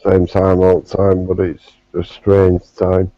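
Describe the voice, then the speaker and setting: A man's voice: low-pitched, completely flat delivery, measured pace, dry recording. A man hosting a casual online group chat, rambling with fillers and swearing. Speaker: host of an online chat show. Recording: lo-fi, dry online call audio.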